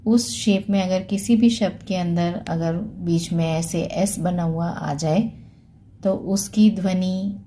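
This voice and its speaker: A woman gives a Sanskrit lesson in a slow, unhurried voice with a dark, mellow tone. She sounds each word out carefully and asks little questions before answering them herself. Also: on the low side, fairly even intonation, a little hiss or hum. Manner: slow, patient, sounds out words syllable by syllable. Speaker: Sanskrit teacher. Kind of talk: spoken pronunciation lesson.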